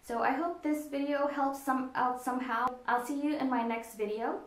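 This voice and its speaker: A woman giving a casual makeup tutorial, talking in a relaxed, meandering way with frequent ums. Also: sits high, moderate pace. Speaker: makeup vlogger. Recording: echoey room.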